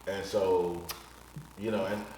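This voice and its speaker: A man's voice: low-pitched, little pitch movement, slow pace, dark tone, recorded from a distance. A man in his thirties, a podcast guest talking frankly and bluntly in casual chat, swearing casually. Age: 30s. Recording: echoey room, off-mic, faint noise.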